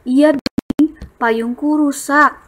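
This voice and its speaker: A woman voicing Edo, a grateful young schoolboy, in a bright, sing-song storybook reading voice. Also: high voice, steady tone, slow, pitched above the performer's own voice.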